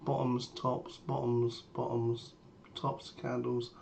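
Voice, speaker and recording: A man's voice: mid-range voice, slow pace, gravelly. A man with a strained sore-throat voice, under the weather, giving matter-of-fact live market commentary as a trader. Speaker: trader sharing a premarket plan. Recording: steady background noise, keyboard typing.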